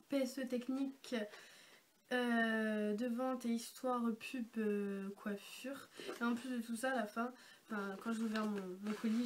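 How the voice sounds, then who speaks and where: Congested young woman vlogger, higher-pitched, noisy recording. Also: darkish tone. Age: young adult. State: congested from being sick. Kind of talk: casual, chatty vlog explanation. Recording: noisy amateur home-video sound.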